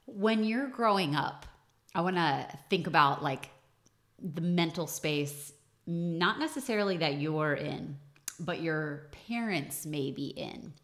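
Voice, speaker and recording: A woman's voice: low voice, expressive, slow, a bit bright. A woman hosting an interview, thinking aloud in long questions and acting out what kids and parents might say. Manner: thinks aloud, acts out quoted voices. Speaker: interview host. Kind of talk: casual interview.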